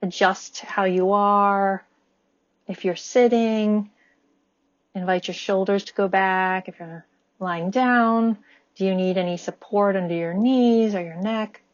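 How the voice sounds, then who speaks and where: Gentle woman guiding a meditation. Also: mid-range voice, fairly even intonation, highs cut off. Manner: gentle, unhurried, inviting. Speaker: meditation teacher. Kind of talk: guided meditation.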